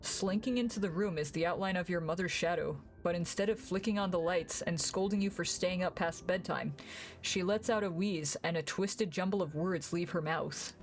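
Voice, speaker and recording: A woman's voice: fairly low pitch, moderate pace, faint music behind. A woman streamer reading a visual novel game aloud live, playfully, with casual asides. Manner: playful, acts out dialogue.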